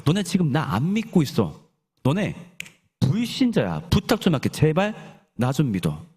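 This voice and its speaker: A man's voice: a little high, wildly swooping pitch, normal speed, darkish tone, breathy edge, exaggerated voice. A man voicing a stern, exasperated male teacher who rebukes his followers in blunt, casual speech. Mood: pleading.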